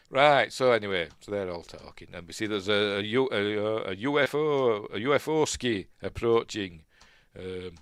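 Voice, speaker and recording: Musing his way through a relaxed film commentary, this host from Yorkshire, England, tends to doubt himself and let his sentences fade out quietly. His voice sits on the low side, and the recording has no echo.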